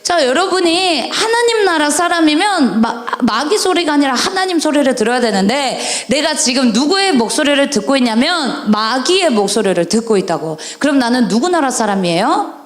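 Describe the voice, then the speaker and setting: Animated woman preaching to children. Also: high voice. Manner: animated, questioning the audience, drawn-out stressed endings. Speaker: evangelist. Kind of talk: sermon to children at a camp service. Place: church sanctuary. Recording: echoey church hall.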